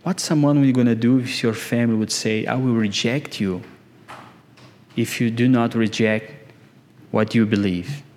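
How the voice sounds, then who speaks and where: A man preaching a sermon in slow, emphatic phrases, his voice climbing on the key words. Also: medium pitch, steady tone, a little mellow, a little hiss or hum. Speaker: pastor.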